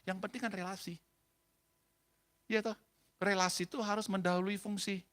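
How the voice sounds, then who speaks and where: A man's voice: sits high, flat delivery, normal speed, fairly bright tone, clear, resonant tone. A male pastor, preaching in church with humorous stories and teasing questions to the congregation. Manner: jokey, teases and questions the congregation. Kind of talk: humorous storytelling sermon.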